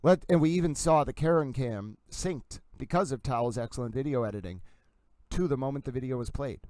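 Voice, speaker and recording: A man's voice: medium pitch, fairly quick, mellow, no echo. A man hosting a livestream in a mock sports-commentary style, showy and emphatic, repeating catchphrases. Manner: showman-like, emphatic, repetitive catchphrases.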